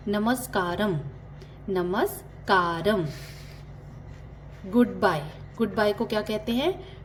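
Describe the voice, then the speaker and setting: A woman from Punjab teaching a spoken language lesson. She explains patiently with hesitant fillers and slowly repeats each word for learners. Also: on the high side, darkish tone, slight background noise. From Punjab, India. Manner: slow, repeats words for learners.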